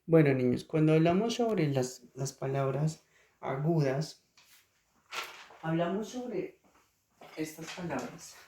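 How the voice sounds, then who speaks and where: Colombian guy teaching kids, slow and patient, kinda high voice, echoey room from a distance. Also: animated, mellow. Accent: Colombian Spanish. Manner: patient, repeats each example word slowly. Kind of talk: slow classroom explanation to children. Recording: roomy, distant mic, faint noise.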